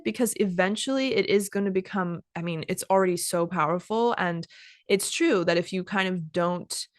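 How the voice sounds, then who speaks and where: A woman in her twenties, an English teacher, hosts a casual podcast chat in a voice on the low side. She's chatty, leans heavily on "like" and "kind of," and pauses to define words. The sound is studio quality with no room sound.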